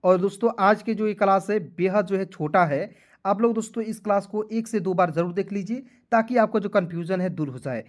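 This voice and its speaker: A man teaches a video lesson while tired. He spells words out one letter at a time, then pronounces them slowly. He checks in with his viewers often and speaks to them as friends. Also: sits high. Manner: keeps addressing viewers as friends, checking "clear?".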